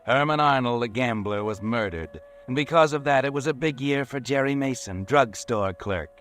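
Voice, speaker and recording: A man playing the Whistler, an eerie, all-knowing narrator who walks by night, telling the story slowly and ominously in a 1940s radio drama. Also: medium pitch, a bit bright, natural voice. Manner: slow, ominous, measured storytelling. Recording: old radio recording with faint music.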